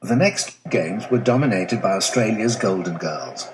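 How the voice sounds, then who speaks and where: A man narrating an old sports newsreel in a steady, scripted announcer style. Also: on the low side, normal speed. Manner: steady announcer delivery reading results. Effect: old newsreel soundtrack. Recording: distant, noisy old newsreel soundtrack.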